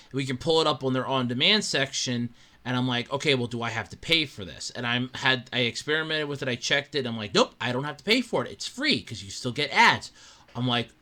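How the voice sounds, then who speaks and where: Alone in his room at home, a podcast host chats casually on his own show, rambling animatedly with lots of restarts and fillers. His medium-pitched voice is slightly raspy from allergies.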